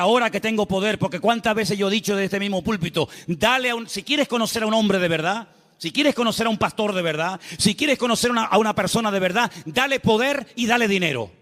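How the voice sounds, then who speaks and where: A pastor preaches from the pulpit with a high, ringing voice. He delivers his sermon emphatically, using rhetorical questions and bits of humor. A long church reverb hangs behind every phrase. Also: a bit bright.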